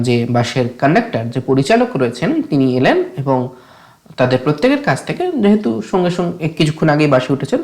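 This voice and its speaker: A woman teacher with a Bengali accent works through an English text. She reads each English line slowly and deliberately, then explains it at length in Bengali, often pausing to ask whether her students have understood. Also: sits low, a little mellow. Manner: often asks "ঠিক আছে?" to check understanding.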